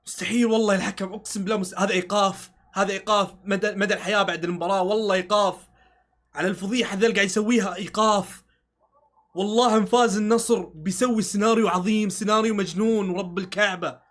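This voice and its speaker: A man's voice: high-pitched, steady tone, very fast, a bit bright. A man reacting live to a football match, swearing oaths and pleading with the players.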